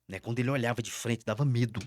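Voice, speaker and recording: A man's voice: mid-range voice, fast talker, a little mellow, no room sound, studio quality. A middle-aged Brazilian man, a pastor, giving an emotional personal testimony, dramatic and repetitive as he acts out the dialogue. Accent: Brazilian Portuguese. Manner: dramatic storyteller, repeats words, acts out dialogue. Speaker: pastor, podcast guest.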